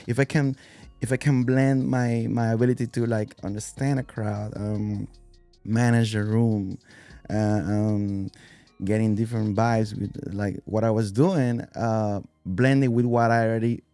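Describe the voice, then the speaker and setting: A man's voice: on the low side, little pitch movement, measured pace, mellow, clear, resonant tone, no echo, soft background music. A man, a guest telling his story in a loose, rambling way full of fillers and restarts. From Spain. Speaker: guest, DJ and violinist. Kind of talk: casual interview chat.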